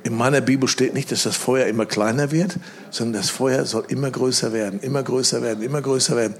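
A male preacher giving a lively sermon, telling stories and acting out the voices of the people in them, often repeating phrases for emphasis. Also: medium pitch, fast talker, a crowd in the background. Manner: animated storytelling, acts out quoted voices loudly; emphatic repetition.

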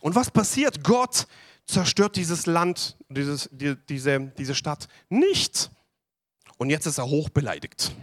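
A man preaching a sermon to a congregation, animated and asking them questions. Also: a little high, takes it slowly, no room sound, clean studio sound. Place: church hall with audience.

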